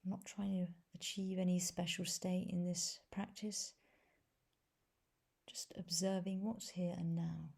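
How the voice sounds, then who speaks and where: Soft and gentle, a woman teaching meditation guides a body scan in a breathy, lowish voice with a level tone. Long pauses separate her phrases.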